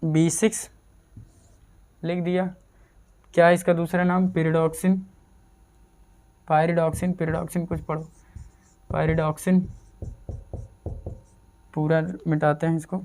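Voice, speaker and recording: Guy teaching chem, smooth clear voice, keeps repeating stuff and quizzing himself. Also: on the high side, flat delivery, slow, pauses often, a little mellow. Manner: repetitive drilling, asks and answers own questions. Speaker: chemistry teacher. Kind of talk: casual exam-prep lecture.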